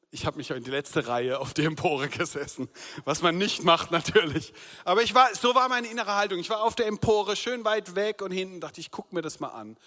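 A man preaching a sermon as a pastor, earnest and personal, dropping to a hushed voice for confessions and rising again for appeals. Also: on the high side. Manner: earnest, shifts between loud appeals and soft hushed confession. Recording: long hall reverb.

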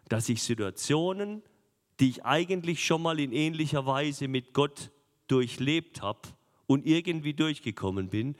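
A man preaching a sermon in a lively, conversational way, often asking his listeners questions. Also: medium pitch. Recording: long hall reverb.

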